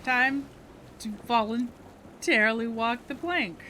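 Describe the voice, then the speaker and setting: A woman's voice: a little high, slow pace, pushed and bright, a little hiss or hum. A woman giving casual live commentary as she plays through a game. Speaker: game streamer.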